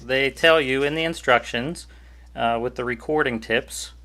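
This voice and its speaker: An easygoing man talks through a gadget review in a chatty, joking way. His voice is bright and sits at a middle pitch. He records at home straight into a cheap USB desk microphone. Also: measured pace. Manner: chatty, easygoing, jokey asides. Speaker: YouTuber reviewing gear. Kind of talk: casual product review vlog.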